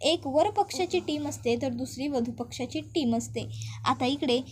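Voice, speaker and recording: High-voiced woman narrating a serial recap. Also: normal speed, slight background noise. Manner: chatty storyteller who addresses viewers and reads all the characters' lines.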